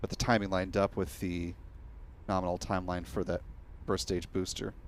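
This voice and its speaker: A man giving measured live commentary on a broadcast. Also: low-pitched, flat delivery, a little hiss or hum.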